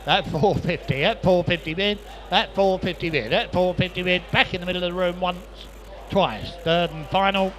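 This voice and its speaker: A man's voice: high voice, normal speed, music in the background. A man working as an auctioneer, chanting repeated prices and bid calls in patter at a live sale. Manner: repetitive patter of prices and bids. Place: busy auction sale room.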